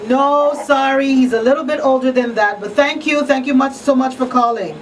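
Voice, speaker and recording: A woman with a high-pitched voice hosts a live radio talk show from a small studio, chatting with listeners at a moderate pace. She sits far from the studio microphone on its boom arm, so the rough recording carries off-mic room sound and faint noise.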